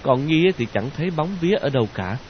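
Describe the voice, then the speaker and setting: A man narrating a story in an expressive audiobook reading, in a dull lo-fi recording. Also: mid-range voice, fast talker, a little hiss or hum.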